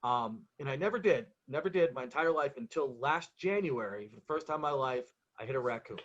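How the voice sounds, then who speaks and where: A man's voice: medium pitch, animated, a little fast, fairly bright tone, muffled recording. A man doing a stand-up monologue of punchy jokes, told as conversational stories with acted-out exchanges in an exasperated, self-mocking way. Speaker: touring road comic.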